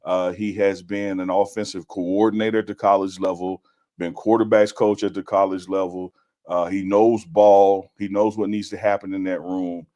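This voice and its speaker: A man co-hosting a sports stream who breaks down coaching moves in a measured, step-by-step way. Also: low-pitched, little pitch movement, dark tone. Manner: measured, explains points step by step. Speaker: co-host and analyst. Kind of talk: sports analysis chat.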